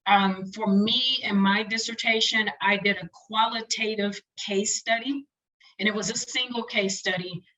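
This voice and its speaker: Bright-voiced woman lecturing quickly online. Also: medium pitch, steady tone, rough recording. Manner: rapid, chatty, friendly lecturing. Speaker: webinar presenter for doctoral students.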